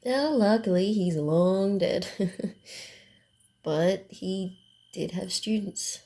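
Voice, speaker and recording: In a hushed, theatrical ASMR roleplay, a woman with a mid-range voice plays a female vampire who is sly, guarded and secretive. She speaks deliberately, and the mood is sly and ominous.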